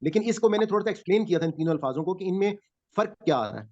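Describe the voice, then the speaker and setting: Male teacher on a video call, patient explainer who quizzes students, slightly high voice, muffled call audio. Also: animated, a little mellow. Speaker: Quran teacher. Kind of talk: online class, word-by-word translation.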